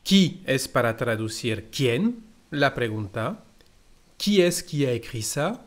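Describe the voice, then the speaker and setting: A man with a French accent gives a language lesson at an unhurried pace. His pitch is mid-range for a man, and he explains each point carefully, mixing in short French example phrases. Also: sing-song. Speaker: French teacher.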